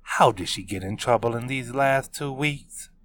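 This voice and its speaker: A man narrating his own serialized web novel in a measured, steady reading. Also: mid-range voice. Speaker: author narrator.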